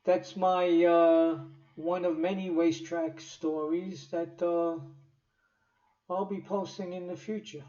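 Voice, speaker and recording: A storytelling vlogger rambles loosely through a tale, swearing often and stopping to restart sentences. His voice sits high yet dark, flat in delivery, and slow. The home recording is echoey, distant, and dull.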